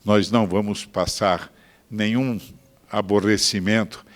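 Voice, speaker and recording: An older man, a pastor with a Brazilian Portuguese accent, telling a story in a sermon. He moves between hushed asides and loud, emphatic bursts. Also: on the low side, steady tone, a little slow. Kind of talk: sermon testimony.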